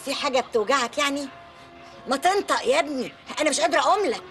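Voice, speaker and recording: A woman's voice: high-pitched, animated, racing, faint music behind. An actress with an Egyptian accent playing an anxious mother pleading with her son in a comedy film. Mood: worried. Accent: Egyptian Arabic.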